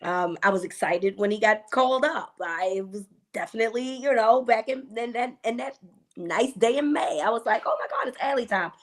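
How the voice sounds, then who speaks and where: A chatty woman guesting on a sports podcast, circling her point with restarts and quick laughs. Her voice sits a bit high for a woman. The talk is loose and conversational. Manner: rambling, restarts often, laughs easily. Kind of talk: casual sports chat.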